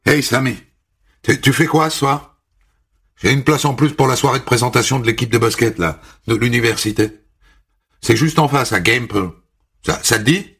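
A man playing a friendly young neighbor who speaks haltingly and stammers. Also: mid-range voice, a bit bright, breathy edge.

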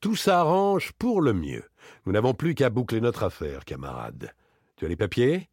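A man voicing a self-assured gentleman burglar in an audiobook, teasing and smoothly mocking. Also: medium pitch, huge pitch swings, normal speed, dry recording, clean studio sound, full character voice. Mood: amused. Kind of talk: audiobook character reading.

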